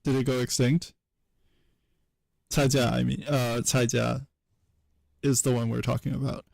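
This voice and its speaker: A man streaming as he works through a linguistics problem, thinking aloud in a hesitant, wry way with many pauses. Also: medium pitch, level tone, gravelly, a little mellow, dry recording. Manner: hesitant self-talk with many pauses and fillers.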